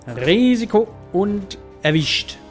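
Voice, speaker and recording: A man hosts a gaming video in a fairly high voice. He comments casually, muttering his thoughts aloud over game music. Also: big pitch swings, slow pace. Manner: thinking aloud, muttering to himself. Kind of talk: casual let's play commentary.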